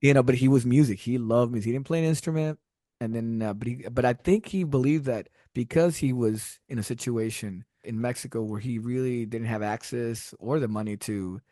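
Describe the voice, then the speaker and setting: Speaking briskly in a dark, medium-pitched voice, a middle-aged Texan man whose first language is Spanish shares stories as a podcast guest. He rambles and laughs often in this casual interview. The studio sound is clean, with no room echo.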